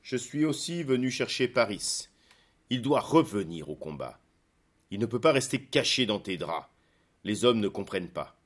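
Man reading Hector, a grave devoted warrior, earnest and measured, low voice, storybook reading. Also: very animated. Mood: urgent.

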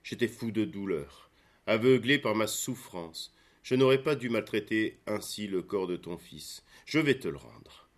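A man's voice: on the low side, animated, unhurried. A man voicing a grieving noble Greek hero in a storybook reading, speaking solemnly and earnestly.

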